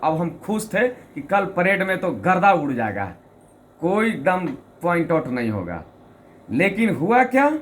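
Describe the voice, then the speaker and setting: A man's voice: sits high, a bit bright, a little hiss or hum. A man telling a funny personal story and explaining his own comic poem. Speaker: storyteller and poet. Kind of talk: anecdote and recited humorous poem.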